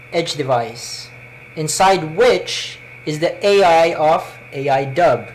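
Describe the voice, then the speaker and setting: Slow, higher-pitched Cebuano Filipino man presenting. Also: slight background noise, rough recording. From Philippines. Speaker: presenter of a tech demo. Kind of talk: live demonstration, deliberate spoken presentation. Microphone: wired microphone into a laptop.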